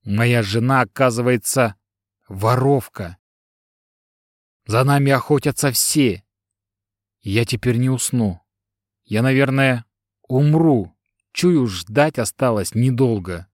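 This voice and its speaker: A man's voice: mid-range voice, takes it slowly, long pauses, no echo, clean studio sound, lightly acted. A man playing a moaning, despairing husband. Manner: moaning, melodramatic. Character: despairing, hysterical middle-aged husband. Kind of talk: audiobook character dialogue.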